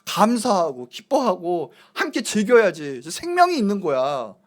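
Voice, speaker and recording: Jesus speaking plainly and warmly to his questioners, as a male preacher puts him on in a sermon. The voice sits fairly high and moves lively up and down. It stays conversational rather than theatrical. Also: a little slow. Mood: cheerful. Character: Jesus gently correcting questioners.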